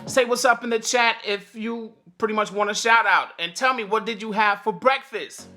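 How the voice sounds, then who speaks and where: A man's voice: high-pitched, steady tone, normal speed, bright, forceful tone, soft background music. A man hosting a casual morning livestream, greeting viewers by name and laughing often, his voice a little cracked. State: slightly cracked voice. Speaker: host of a morning livestream for delivery drivers.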